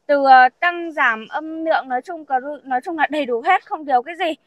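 In a dry recording with dull audio, a young woman whose voice sits high briskly sells used cars. She chats casually with viewers, calling them "các bác," and repeats her points while leading them through a car and the showroom.

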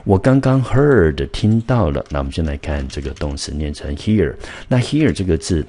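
A man with a Taiwanese Mandarin accent, teaching English vocabulary patiently and slowing down on each English word. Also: a bass voice, mellow, husky. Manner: patient, explains word by word, slows down on English words. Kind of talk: vocabulary lesson.

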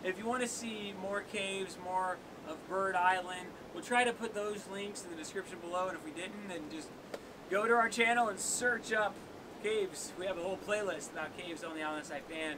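A young man hosting an outdoor workout, joking and counting down for viewers in a seaside cave. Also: normal speed. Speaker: workout host. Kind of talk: casual workout coaching. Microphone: camera on tripod at a distance. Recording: noisy outdoor recording with wave rumble.

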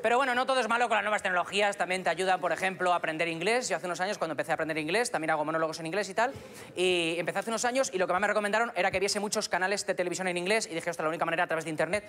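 Fast-talking Albacete stand-up comedian. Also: male voice, high voice, fairly bright tone. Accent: Spanish, from Albacete. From Spain. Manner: chatty, asks the audience questions often. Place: comedy club stage with a live audience. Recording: live club recording with crowd noise.

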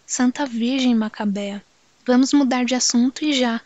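A man's voice: very high-pitched, normal speed, a little mellow, no room sound, muffled recording. A woman voicing an impatient, boastful young man in an audiobook, talking dismissively. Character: boastful young male northeastern metalworker, impatient.

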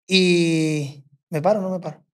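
A man's voice: a little high, fairly even intonation, measured pace. A man with a Sinaloan Mexican accent, a podcast guest telling a long story in a rambling, profane way and quoting what people said. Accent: Sinaloan Mexican Spanish. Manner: rambling, profane, quotes himself and others. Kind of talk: casual storytelling.

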